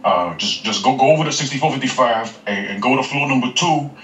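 A man's voice: medium pitch, lively intonation, a little fast, fairly bright tone. A man making a casual, slangy prank phone call, stammering and repeating himself as he talks. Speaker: prank caller. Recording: roomy, distant playback with noise.

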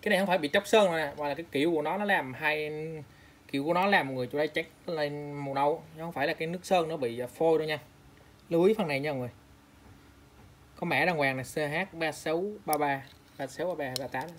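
A man from Vietnam with a highish voice races through an online sale of used eyeglass frames. Chatty and casual, he holds up each pair, repeats its price and specs, and calls out to viewers.

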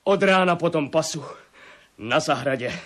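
An actor playing a sly, excitable male servant who urgently brings news to his master. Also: a little high. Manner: breathless, urgent and gleeful. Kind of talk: radio play acting.

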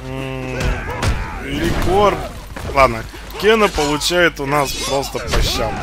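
A man's voice: medium pitch, lively intonation, takes it slowly. A man giving casual, rambling live commentary on fighting-game matches, often repeating his phrases. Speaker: gameplay commentator. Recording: game music behind. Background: fighting game music.

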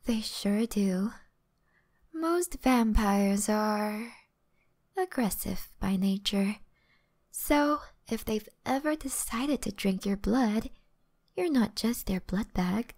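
Slow, soft-spoken vampire woman, acted out. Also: medium pitch, expressive. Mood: calm, matter-of-fact. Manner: teasing, softly boastful, unhurried. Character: flirtatious, gentle, predatory female vampire. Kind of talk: ASMR role-play.

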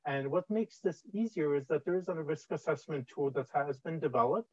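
A man in his thirties with a Canadian accent presents an infection prevention training webinar over slides on a video call from an indoor room. His fairly high, husky voice moves at a moderate pace with frequent "uh" fillers in a conversational way. The video-call audio sounds dull and dry.

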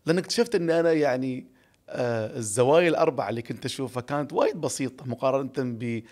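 Recorded close on a studio boom mic, a man in his forties from Ras Al Khaimah, UAE, speaks with an Emirati Arabic accent as a podcast guest in a casual storytelling interview. His mid-range voice comes out rapid-fire, and he's animated and reflective, laughing often and gesturing a lot.

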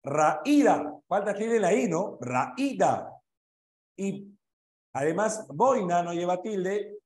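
A Peruvian man teaching a review class in a slow, unhurried way. His voice sits a little high for a man. He checks each answer aloud and throws questions at his students, and the sound carries a noticeable room echo. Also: expressive, darkish tone. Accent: Peruvian Spanish. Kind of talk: online exam review class. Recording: echoey room.

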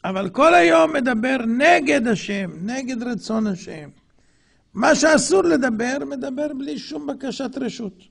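A rabbi delivers a fiery, mocking religious lecture, firing off rhetorical questions. He swings between loud outbursts and low murmurs in an animated, creaky, husky voice.

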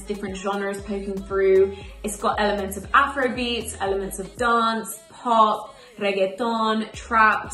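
An emerging singer who grew up in Spain gives casual answers to camera about her music in a small, bright indoor room. Her young female voice is medium-pitched and a bit bright, echoing in the room, and she's upbeat and chatty, listing things quickly.

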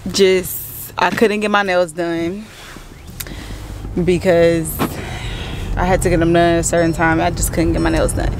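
A woman's voice: on the low side, noisy background. A woman in her twenties chatting casually in a vlog, slangy and frank. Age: 20s. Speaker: vlogger.

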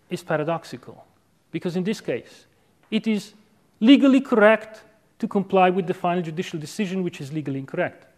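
A man in his thirties giving an academic lecture in a measured, didactic way, checking in with short tag questions. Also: high-pitched, a little mellow. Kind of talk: academic lecture, philosophical argument. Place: university lecture room with chalkboard. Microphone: clip-on lapel microphone.

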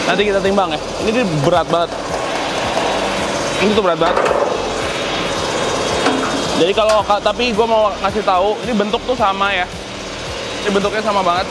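A young Indonesian man with a high voice shows off his custom shop, a large indoor car workshop, amid heavy background noise. His walk-through is casual and full of slang, and he laughs a lot.

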